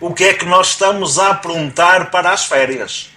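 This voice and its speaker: A man, a guest on a casual radio interview who answers calmly and plainly. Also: sits high, normal speed. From Minho, northern Portugal. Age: 40s. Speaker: writer and guest. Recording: faint background noise.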